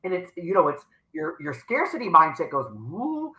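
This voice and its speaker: A woman's voice: fairly low pitch, very animated, brisk, vocal fry, pushed and bright, rough recording. A middle-aged woman, a company CEO, speaking emphatically as a guest on a faith-based podcast and acting out her inner dialogues.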